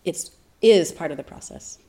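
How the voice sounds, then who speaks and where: A woman giving a reflective meditation talk, soft-spoken and thoughtful with gentle laughter. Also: fairly low pitch, expressive, normal speed. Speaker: meditation teacher.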